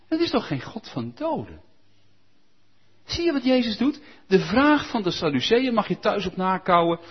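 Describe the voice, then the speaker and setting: A man gives a sermon in a lively, coaxing, conversational way. His voice is husky and sits high, and it swings widely in pitch. The recording sounds dull and lo-fi. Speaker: preacher.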